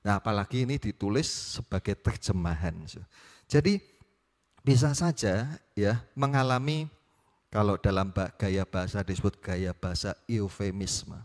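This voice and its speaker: A man's voice: fairly low pitch, expressive, normal speed. A male preacher, reading scripture and teaching with frequent questions to his listeners. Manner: questioning, repeats "ya" often. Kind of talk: Bible reading and sermon. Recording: echoey hall.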